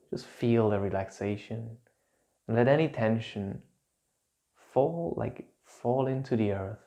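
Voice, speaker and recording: A man guiding a calm grounding exercise as an instructor, giving gentle, soothing, repetitive instructions with pauses. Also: on the low side. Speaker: instructor leading a guided relaxation exercise.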